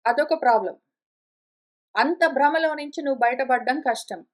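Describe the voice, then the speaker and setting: High-voiced woman teaching scripture. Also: moderate pace. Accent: Telugu. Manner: repetitive, emphatic explaining with acted-out objections. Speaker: teacher of Sanskrit philosophy. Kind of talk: spiritual lecture.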